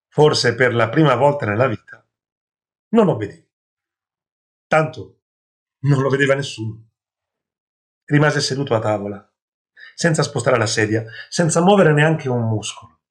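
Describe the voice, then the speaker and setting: Male storyteller for a modern fairy tale; mid-pitched, measured, dropping wry asides. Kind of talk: scripted fairy-tale narration.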